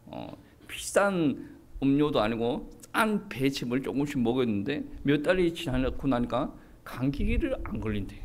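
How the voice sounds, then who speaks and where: Animated Gyeongsang pastor preaching. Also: male voice, mid-range voice, a little hiss or hum. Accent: Gyeongsang Korean. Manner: animated preaching with lively quoted asides. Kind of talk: expository sermon.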